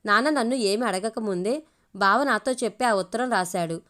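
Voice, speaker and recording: A woman's voice: mid-range voice, normal speed, a bit bright, close to an everyday voice. A woman voicing a playful young woman who teases the man she loves, read in a plain storytelling voice. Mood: teasing. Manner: teasing, affectionate.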